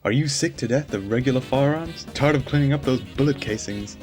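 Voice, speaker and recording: A man's voice: medium pitch, fairly quick, lightly acted. A man playing a punchy infomercial announcer, reading emphatic questions and instructions as a scripted voice-over. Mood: hard sell. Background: loud music.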